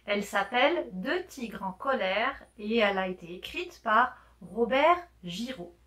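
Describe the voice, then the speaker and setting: Slow, clear woman reading a story. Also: a little high. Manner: clear, deliberate, gently expressive. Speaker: storyteller for French learners. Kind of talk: slow read-aloud of a children's story.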